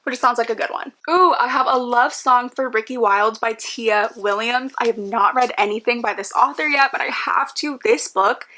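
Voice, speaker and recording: A young woman talks through her reading list at home in a bright, forward voice that sits a little high. Her talk is casual and gushing, peppered with "like" and quick asides. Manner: chatty, gushing, lots of "like" fillers. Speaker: book vlogger. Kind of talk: casual book chat to camera. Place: home room with book cart.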